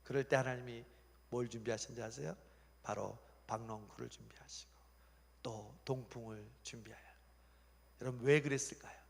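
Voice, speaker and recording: A man's voice: mid-range voice, fairly even intonation, normal speed, vocal fry, pauses often, slight background noise. A male pastor preaching a youth service sermon in a church sanctuary, telling the story with animation and sometimes dropping to a whisper. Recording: long reverb of a church hall.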